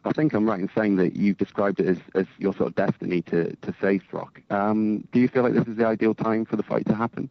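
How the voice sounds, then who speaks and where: A man's voice: lowish voice, steady tone, fast talker, vocal fry, few pauses, no echo. A man asking questions as a journalist on a press conference call, polite and tentative. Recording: dull, dry phone line.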